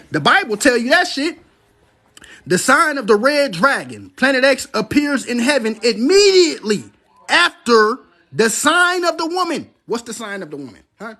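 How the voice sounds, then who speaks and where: A man, preaching about prophecy in casual livestream talk, swearing and asking "right?" again and again. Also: extremely high pitch. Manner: preachy, excitable, swears, asks "right?" often.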